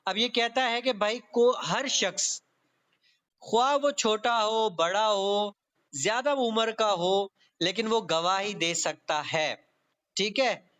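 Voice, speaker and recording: With a high voice and a fairly bright tone, a man lectures slowly on law in an online meeting class. It's exam preparation, so he walks through points step by step, reads out clauses and slips in English terms.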